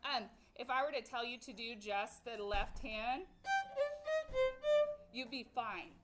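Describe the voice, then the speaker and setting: A woman's voice: fairly high pitch, slow pace, over loud music. A woman teaching a violin sectional, counting students in and singing the rhythms aloud. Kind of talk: group music class instruction. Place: music classroom with students playing. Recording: loud violin playing behind the voice. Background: violins playing loudly.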